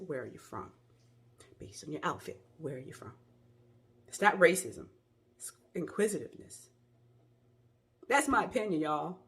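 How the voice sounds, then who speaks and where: An American woman hosting an opinion channel, delivering an emphatic, scolding commentary monologue straight to her viewers. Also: medium pitch. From United States.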